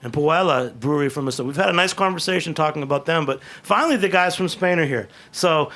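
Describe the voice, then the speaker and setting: Fast-talking gravelly radio host man. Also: on the high side. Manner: fast, excitable, chatty. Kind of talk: casual radio chat.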